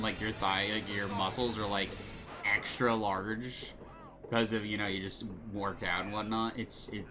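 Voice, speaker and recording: A man streaming a video game and chatting casually in a rambling, profane way. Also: on the low side. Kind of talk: casual gameplay commentary.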